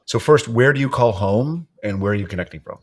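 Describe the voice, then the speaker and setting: Low-voiced male host: relaxed, friendly interviewer, easygoing questions. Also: fairly quick. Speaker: podcast host, financial advisor. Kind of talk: podcast interview.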